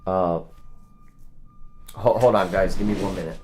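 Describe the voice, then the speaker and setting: Slight background noise accompanies a man running a live call audit, pushing his phone requests bluntly and chatting with his audience. His darkish voice sits low, unhurried and fairly even in intonation.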